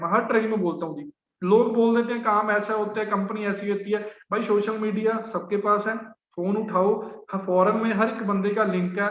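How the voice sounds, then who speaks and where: A man's voice: high voice, fairly bright tone. A man gives a business training talk, speaking conversationally with many fillers. The recording is roomy and dull.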